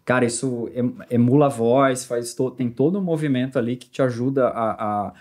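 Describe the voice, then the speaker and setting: Man, podcast guest, casual chat, relaxed meandering delivery, mid-pitched. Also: normal speed. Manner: relaxed, meandering, with restarts and fillers. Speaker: podcast guest, sales expert.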